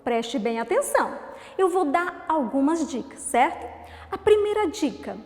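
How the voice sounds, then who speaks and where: A woman with a Brazilian Portuguese accent teaching young children in a recorded video lesson. She speaks slowly and clearly, stretches out syllables, and asks the class questions that she then answers herself. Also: high-pitched, big pitch swings, long reverb tail. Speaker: primary school teacher.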